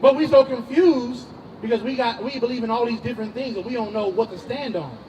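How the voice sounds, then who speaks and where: A man's voice: very high voice, fairly quick, far from the mic, rough recording. A man street preaching, emphatic and slangy, calling on a reader and questioning the crowd outdoors.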